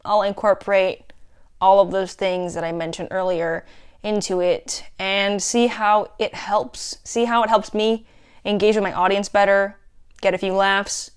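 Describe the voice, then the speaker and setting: A young woman giving a casual video reflection for a class, playful and self-mocking, with animated asides. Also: mid-range voice, a little slow, smooth.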